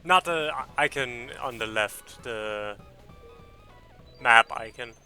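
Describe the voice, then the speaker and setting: A man's voice: mid-range voice, slow, bright, forceful tone, faint music behind. A man streaming a game and chatting offhand to his viewers over a livestream headset, in a wry, casual way. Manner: offhand, wry, talks to chat while playing. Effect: livestream headset audio.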